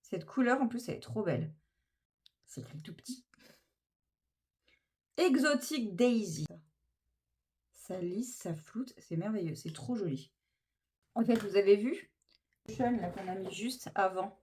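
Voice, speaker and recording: A woman's voice: mid-range voice, normal speed, dark tone. A woman chatting casually through a makeup tutorial, gushing with enthusiasm over each product. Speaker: beauty vlogger.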